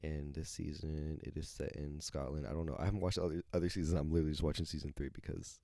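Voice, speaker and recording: A man's voice: a bass voice, flat delivery, fast talker, gravelly, warm tone, no room sound, studio quality. A man hosting his own podcast, rambling casually with lots of fillers, swearing and self-corrections. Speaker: podcast host. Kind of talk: casual solo podcast chat.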